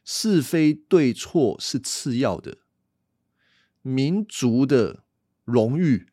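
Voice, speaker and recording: A man's voice: mid-range voice, expressive, drawn-out words, dark tone, dry recording, clean studio sound. A man teaching the Bible on a podcast, explaining things conversationally and asking rhetorical questions.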